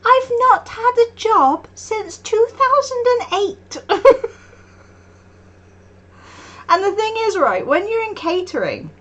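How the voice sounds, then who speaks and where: A woman with a high, bright and forceful voice streams live as an art streamer. She chats casually and tells stories, laughing often and acting out quotes.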